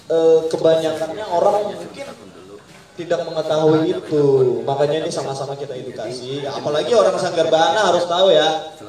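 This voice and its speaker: A man's voice: on the high side, a little fast, crowd noise. A man leading an informal poetry reading workshop, quizzing the group in call-and-response. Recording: echoey room, mic far off.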